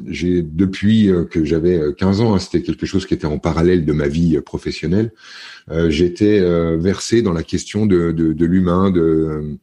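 A middle-aged Frenchman with a deep, husky, mellow voice appears as a podcast guest in a casual interview chat. He tells his story in a halting, relaxed way, full of fillers and restarts.

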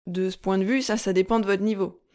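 A woman hosting a solo podcast, explaining things calmly and step by step with frequent fillers. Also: mid-range voice, fast. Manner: calm, methodical, step-by-step teaching with frequent fillers. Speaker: podcast host.

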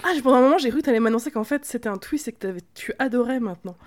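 A woman's voice: a little high, racing, a little mellow. A woman co-hosting a casual chat, teasing her partner with light, giggly banter. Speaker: podcast co-host.

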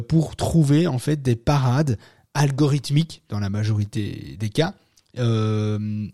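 A man hosts a live podcast from his home, talking casually and stumbling through fillers and restarts. His voice is mellow and darker in tone, and he sounds close and dry, without room reverb. He chuckles at his own asides now and then. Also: mid-range voice. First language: not French-born, francophone. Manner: rambling, many fillers and restarts. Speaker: podcast host.

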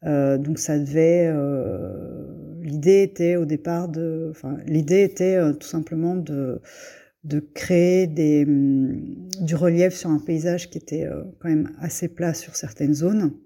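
Hesitant woman farmer, dark voice. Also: sits low, steady tone, a little slow, creaky, breathy edge. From Belgium. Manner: hesitant, many fillers and restarts. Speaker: farmer and forager guest. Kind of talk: casual spoken testimony.

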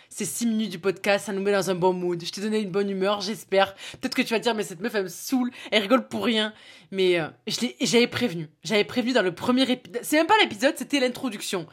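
A young woman with a Toulouse accent, telling a spontaneous story on her podcast and talking straight to the listener. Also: on the high side. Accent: Toulouse, southern French. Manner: spontaneous, chatty, addresses listener directly, many fillers. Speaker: podcast host. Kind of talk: casual solo podcast storytelling.

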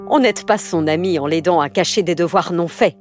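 A woman voicing a school headmistress who speaks in a measured, reproachful way. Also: lowish voice, a little mellow, soft background music, close to an everyday voice. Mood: stern.

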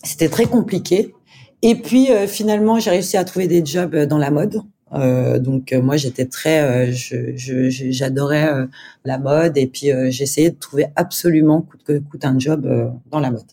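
A woman in her forties from France, telling her story as a podcast guest, halting with many fillers and restarts. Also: low voice, fairly even intonation, mellow, breathy edge. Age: 40s. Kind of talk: casual interview storytelling.

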